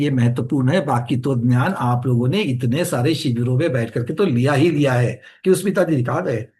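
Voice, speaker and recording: A man's voice: medium pitch, a little mellow. A man leading an interactive religious study lesson, questioning his students and explaining with rhetorical questions. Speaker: teacher of a scripture study class.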